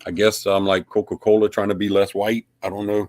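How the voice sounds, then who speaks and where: A man with a drawl hosts a live stream from a webcam, talking loosely and filling gaps with ums and uhs. His voice sits a little low, and the sound is dry and close. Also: level tone, a little fast, darkish tone, no room sound. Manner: rambling, filler-heavy, friendly. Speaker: paranormal investigator and live stream host. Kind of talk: casual live stream recap.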